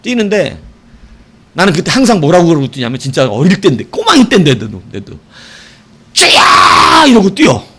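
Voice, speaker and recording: Middle-aged male pastor, sermon delivery, highish voice with big lively swings, shouted exclamations. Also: brisk, slight background noise. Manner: animated storytelling, shouting exclamations, asks the congregation questions. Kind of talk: evening sermon.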